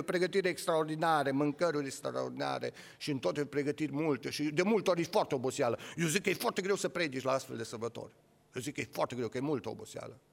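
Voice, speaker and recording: A man preaching an Easter sermon, repeating his phrases and swinging from loud calls to low, quiet asides. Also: creaky, in a large hall.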